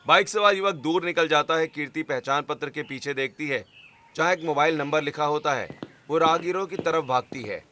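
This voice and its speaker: A man reads the narration of an animated story in a steady, scripted way. His voice is bright and sits a little high. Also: fairly quick, a little hiss or hum.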